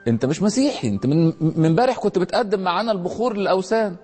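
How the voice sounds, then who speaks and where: A man's voice: sits high, lively intonation, rapid-fire, warm tone, slightly rough, voice pushed up. A man with an Egyptian accent voicing a cruel male Roman governor in a told story, in a raised, declaiming voice. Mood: menacing. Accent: Egyptian Arabic. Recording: long hall reverb, faint music.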